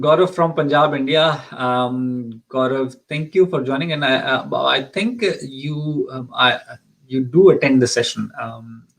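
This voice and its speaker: With a gravelly, medium-pitched voice, a man from Pakistan answers questions live as an immigration consultant. His delivery is halting, with many ums and restarts, and the recording quality is rough.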